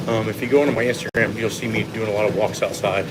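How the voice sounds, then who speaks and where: A man's voice: on the low side, fairly even intonation, fast talker. Man chatting on a treadmill, machine noise behind. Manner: talking while walking on a treadmill; explanatory, opinionated. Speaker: fitness coach hosting a live Q&A. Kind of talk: casual livestream chat answering viewers. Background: treadmill or machine hum.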